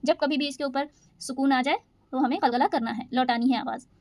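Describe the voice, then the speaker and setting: A woman teaching Quran recitation rules, patiently explaining each rule and reciting verses slowly. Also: sits high, steady tone, a little mellow, dry recording. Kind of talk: step-by-step recitation lesson.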